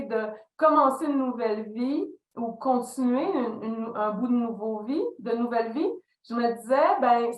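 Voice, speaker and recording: Her pitch fairly high, a middle-aged woman with a Québécois French accent guests on a podcast as a leadership consultant. She reflects on her career through animated stories, playing out the remembered dialogue. The room is echoey.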